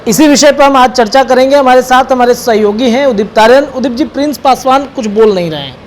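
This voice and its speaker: A woman's voice: high-pitched, slight background noise. Woman news host introducing a discussion. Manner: measured, sets up questions for a guest.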